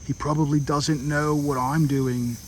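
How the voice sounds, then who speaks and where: Man putting on a hushed Australian wildlife narrator. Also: fairly high pitch, level tone. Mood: hushed, awed. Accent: put-on Australian. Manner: soft, slow, dramatic commentary on animals. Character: hushed male wildlife-documentary narrator, awed and curious. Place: outdoor park.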